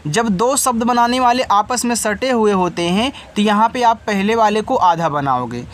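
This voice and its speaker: A man's voice: high voice, expressive, normal speed, fairly bright tone. A man teaching an online spelling lesson, patiently sounding out each word letter by letter and then explaining its meaning, speaking straight to his students and correcting his own slips. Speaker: English teacher.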